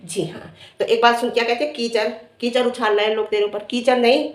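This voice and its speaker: Middle-aged lady vlogger ranting at a rival, kinda high voice, taunting, roomy echo. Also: little pitch movement, fast talker. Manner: scolding, taunting, addresses a rival directly. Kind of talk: confrontational vlog rant. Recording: echoey room.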